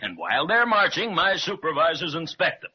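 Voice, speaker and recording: A man's voice: fairly high pitch, sing-song, brisk, breathy edge, full character voice. A man playing a jolly, fatherly old Santa Claus in a 1930s radio serial, with a dull lo-fi old recording sound. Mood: explaining. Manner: jovial, chuckling. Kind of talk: 1930s radio drama acting.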